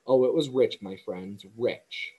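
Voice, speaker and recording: A man reading aloud and voicing a greedy, snide male rat with a husky, hoarse voice. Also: medium pitch, measured pace, mellow, muffled recording. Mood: gloating, snide.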